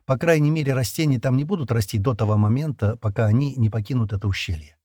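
A man narrating an audiobook chapter in an expressive reading. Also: mid-range voice, quick pace, no room sound, studio quality. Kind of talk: scripted narration.

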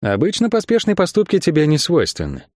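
A man voicing a calm, firm young acrobat who argues steadily. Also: a little high, brisk, dry recording, studio quality. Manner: steady and persuasive.

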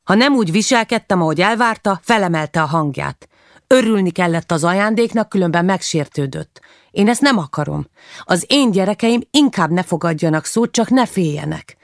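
A woman with a low, gravelly voice reads a first-person novel aloud. Her delivery turns emotional and climbs sharply when the scene heats up. The sound is close and dry, with no room around it. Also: lively intonation, no echo. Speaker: audiobook narrator.

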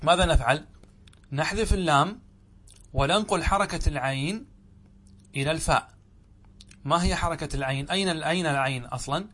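A man with a somewhat high voice gives a grammar lesson as a sheikh and works through a classical text. He puts questions to the class and then answers them. He draws out each example word slowly and repeats it. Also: a bit bright.

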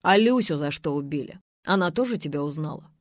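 A stern young man presses a suspect with blunt, firm questions, as a woman reader puts him on. Low and dry, read close for an audiobook. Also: moderate pace, a little mellow, no echo, lightly acted.

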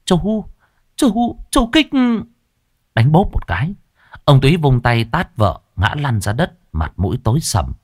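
Expressive male storyteller, wildly varied pitch. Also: moderate pace, husky, no echo, clean studio sound. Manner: expressive, dramatic. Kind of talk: dramatic storytelling narration.

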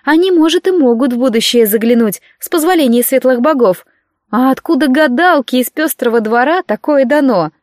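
A woman's voice: sits high, expressive, a little fast, a little mellow, no room sound, studio quality. A woman doing a scolding sceptical servant. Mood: scornful. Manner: scornful, scolding, drawn out. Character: grumpy sceptical female servant, sharp-tongued.

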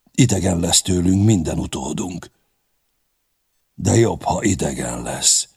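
Brief: man narrating a grim pagan warlord, deep gravelly voice, grave and measured commands. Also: a little mellow, full character voice.

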